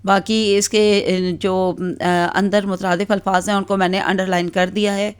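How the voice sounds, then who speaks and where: Woman, Pakistani Urdu accent, Urdu teacher, grammar lesson, patient, frequent fillers, mid pitch. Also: little pitch movement, clear, resonant tone. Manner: patient, explanatory, frequent "theek hai" check-ins and "aa" fillers. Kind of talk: exam-focused grammar lesson.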